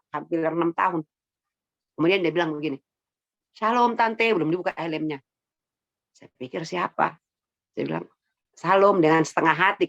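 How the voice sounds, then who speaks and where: A woman's voice: on the low side, no room sound, lo-fi sound. A middle-aged woman giving a devotional testimony and prayer in a conversational storytelling style, speaking directly to her listeners.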